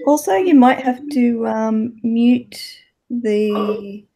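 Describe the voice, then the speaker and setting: A woman's voice: a little high, very slow, creaky, crowd noise. A woman hosting a live stream, chatting casually on an online call. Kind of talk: casual chat. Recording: echoey, dull online call with feedback.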